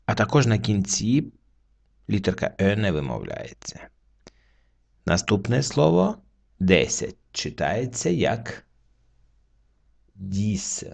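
Gravelly low-voiced male teacher. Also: big pitch swings. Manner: slow, patient explaining with pauses. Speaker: French teacher. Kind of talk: word-by-word reading lesson.

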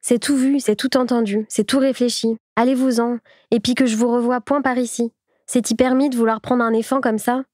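A woman's voice: a little high, animated, moderate pace, darkish tone, no echo, studio quality. A woman voicing a furious peasant farm mother who speaks in blunt, indignant, rustic speech.

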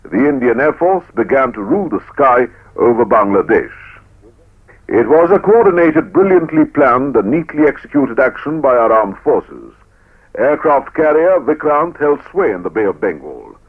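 A man's voice: medium pitch, big pitch swings, moderate pace, slightly rough. A man giving formal, declamatory scripted narration for an old 1970s radio newsreel. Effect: old radio newsreel sound. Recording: tinny narrow-band 1970s radio newsreel.

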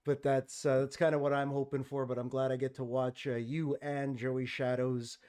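A man's voice: medium pitch, level tone, moderate pace, darkish tone, clear, resonant tone. A man from Canada hosting a casual podcast chat, laid-back and swearing casually. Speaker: podcast host.

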